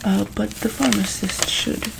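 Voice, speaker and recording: A woman plays a calm, caring doctor at a monster hospital in an ASMR roleplay, whispering breathily in a mid-range voice at a slightly slow pace. Her manner is soft-spoken, hesitant, and gentle, with a reassuring mood, and background noise can be heard.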